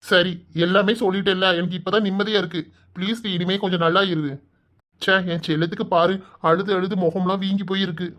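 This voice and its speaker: A woman's voice: on the low side, steady tone, lightly acted. A woman voicing a young village man in a cartoon, with a Kanyakumari Tamil accent, teasing and coaxing his sweetheart. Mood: reassuring. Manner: teasing and coaxing, soft and drawn-out. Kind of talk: cartoon voice acting.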